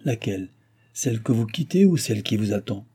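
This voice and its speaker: A man's voice: fairly low pitch, animated, a little fast, warm tone, slightly rough. A man reading aloud, voicing a grave, menacing sorcerer who speaks solemnly. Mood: prophetic.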